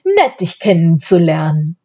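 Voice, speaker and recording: Naive cheerful male pastor read by a woman: gushing, merry, pitched far up. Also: sing-song, unhurried, warm tone, muffled recording.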